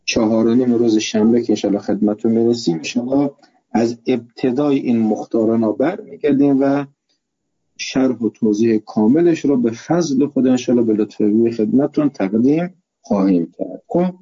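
A man teaching a seminary class, dictating his lecture notes slowly and repeating phrases so students can write them down. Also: medium pitch, dark tone, slightly rough. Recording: dull lo-fi recording.

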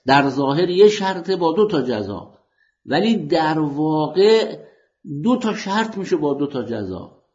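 Lively-pitched male teacher explaining grammar. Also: lo-fi sound. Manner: explanatory, poses questions to listeners then answers them; formal polite phrasing. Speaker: teacher of Quranic Arabic grammar. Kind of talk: lecture.

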